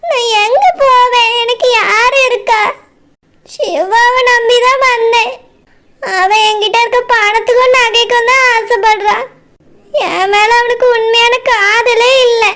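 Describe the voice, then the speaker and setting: A voice actor playing a remorseful young woman who ran from home, crying, with a Tirunelveli Tamil accent, in a high sped-up cartoon voice. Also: steady tone, sharp tone, slight background noise, full character voice. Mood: sorrowful. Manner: slow, sobbing self-reproach.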